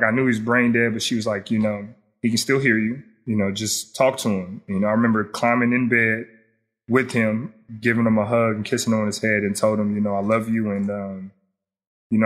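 A man's voice: lowish voice, fairly bright tone. A young man, an interview guest, recalls a personal loss in a reflective way, often saying "you know".

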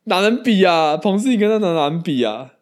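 A man, co-hosting a casual baseball podcast, animated and quick to laugh and swear. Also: high-pitched. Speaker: podcast co-host.

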